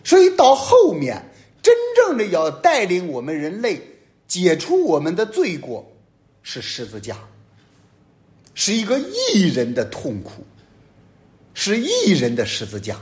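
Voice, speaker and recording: Man preaching with sweeping pitch swings. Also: wildly swooping pitch, measured pace, pauses often. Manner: emphatic preaching, sweeping rises and drops in pitch and loudness. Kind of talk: homily.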